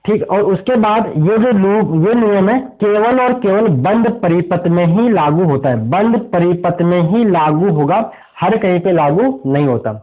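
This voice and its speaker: Animated and unhurried, with few pauses, a high-voiced man reviews physics for an upcoming exam at the board. He breaks everything into steps and throws out rhetorical questions he answers himself. It sounds thin and tinny, much like a phone call.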